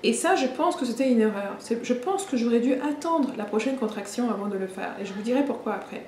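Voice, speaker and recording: A young adult woman retelling a personal story in a vlog, halting, with many fillers and restarts. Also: fairly high pitch, a little mellow. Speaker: vlogger. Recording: echoey room with faint ambient noise.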